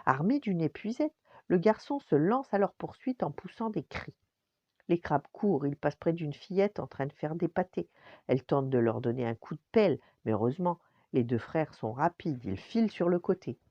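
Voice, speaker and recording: An older woman reading a bedtime story in a lively, expressive way. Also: deep voice, normal speed, no room sound, lo-fi sound. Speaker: storyteller grandmother.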